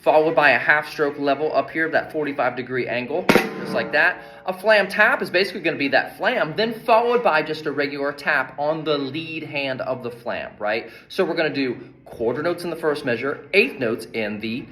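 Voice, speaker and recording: Man teaching drum rudiments, higher voice. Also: moderate pace, few pauses, pushed and bright, soft background music. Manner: counts beats aloud, often adds "right?". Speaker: percussion teacher. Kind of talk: instructional demonstration. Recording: drums playing between spoken lines. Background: drum playing.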